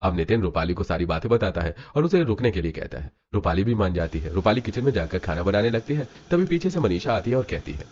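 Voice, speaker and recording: A man narrating a scripted animated story in a brisk storytelling manner. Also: sits low, slight background noise. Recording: dull lo-fi with music.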